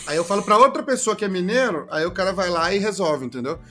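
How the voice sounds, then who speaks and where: A man's voice: high-pitched, quick pace, faint music behind. A man, a comedian guest, chatting casually and playfully acting out ways of speaking. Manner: animated, jokey, demonstrates intonation. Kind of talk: casual chat.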